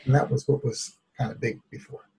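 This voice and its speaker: A male therapist, a guest on an interview show, telling a personal story in an animated way and laughing often. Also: mid-range voice, a little fast.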